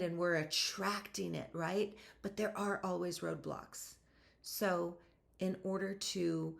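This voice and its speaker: A woman hosting a solo motivational podcast, talking straight to her listeners in an energetic, emphatic, chatty way. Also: fairly low pitch, creaky. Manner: energetic, emphatic, rising to excited outbursts; chatty, addresses listeners directly. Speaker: podcast host.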